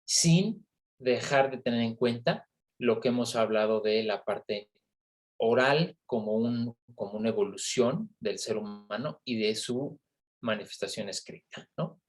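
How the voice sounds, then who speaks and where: A man's voice: mid-range voice, a little slow. A man giving an online university lecture on phonetics, explaining patiently and checking in with frequent tag questions.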